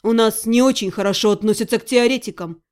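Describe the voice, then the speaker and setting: A woman doing a calm, tender young necromancer man. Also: fairly high pitch, voice pushed down, close to an everyday voice. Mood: tender, earnest. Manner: quiet, measured, sincere. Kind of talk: audiobook character voice.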